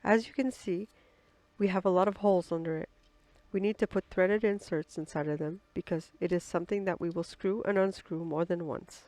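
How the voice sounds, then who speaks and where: A woman co-presenting a build tutorial narrates step-by-step instructions from a script while slightly under the weather with flu, which makes her voice sound a bit odd. Her voice is on the low side and a little mellow, with fairly even intonation and a brisk pace, in a dry recording.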